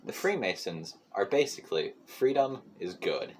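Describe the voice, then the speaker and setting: Deadpan teen guy, low-ish voice. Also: moderate pace, slight background noise. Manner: blunt, deadpan jokes. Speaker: podcast guest. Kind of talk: casual chat.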